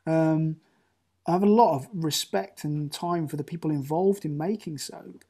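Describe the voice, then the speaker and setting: A man's mellow, somewhat high voice at a normal pace: he's an actor guesting on a remote interview, casually rambling through long stories with many restarts.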